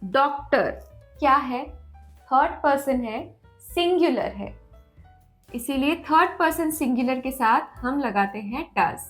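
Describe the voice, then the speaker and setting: A woman teaching English grammar, saying example sentences slowly and then explaining each one. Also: high-pitched, animated, soft background music. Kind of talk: bilingual grammar lesson.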